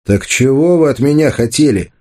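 A man reading an audiobook, voicing a sharp, defiant fifteen-year-old boy. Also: mid-range voice, expressive, normal speed, voice pushed up, natural voice.

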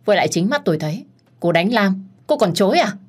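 A woman's voice: mid-range voice, expressive, quick pace, pitched above the performer's own voice, natural voice. Woman doing a contemptuous angry husband, harsh delivery.

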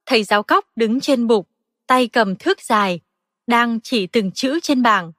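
Woman narrator for a children's audiobook; high, slow, dry studio sound. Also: no room sound, in a large hall. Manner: slow, gentle, expressive storytelling.

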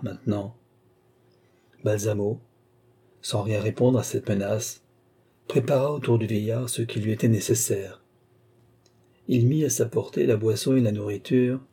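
A man narrating a classic novel as an audiobook, in a steady, literary storytelling manner. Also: fairly low pitch, husky. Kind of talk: scripted narration.

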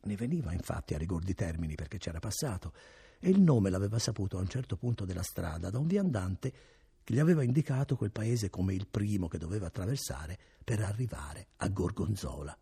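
Gravelly male audiobook narrator. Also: low voice. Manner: measured, expressive, gravelly. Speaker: audiobook reader.

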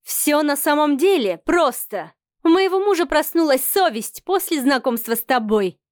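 A woman reading the part of a haughty, cynical middle-aged mother in an audiobook, speaking slowly and sarcastically. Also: a little high, no room sound, studio quality, close to an everyday voice. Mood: scornful. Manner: sarcastic, slow and cutting.

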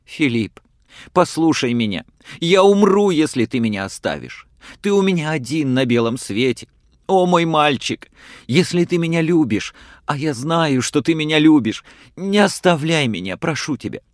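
A man's voice: mid-range voice, sing-song, very slow, vocal fry, a little mellow, no room sound, clean studio sound, full character voice. A man reading aloud voices a poor middle-aged mother who pleads in a tearful, raised voice. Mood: pleading.

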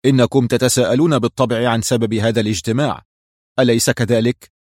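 A man's voice: mid-range voice, fairly even intonation, fast talker, darkish tone, dry recording, clean studio sound, close to an everyday voice. A man voicing a self-assured male company boss addressing his board in a storybook reading. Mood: smug.

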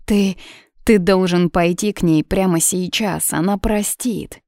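A woman's voice: lowish voice, fairly even intonation, a little slow, warm tone, no room sound, studio quality. A woman reading the part of a stubborn, impulsive young woman in an audiobook, in a pleading tone. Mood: urging. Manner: pleading, breaking voice.

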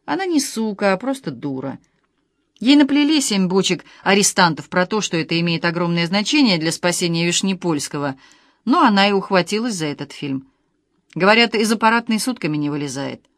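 A woman's voice: fairly low pitch, big pitch swings, a little fast, no echo, clean studio sound. A woman reading an audiobook, voicing a weak, fawning husband who pleads and whines. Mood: pleading. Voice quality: pleading, whiny, snapping when pushed.

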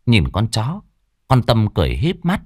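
A male storyteller narrates a ghost tale with dramatic flair. His pitch swings widely from line to line. The recording is close and dry. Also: normal speed, no room sound. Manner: dramatic, highly expressive.

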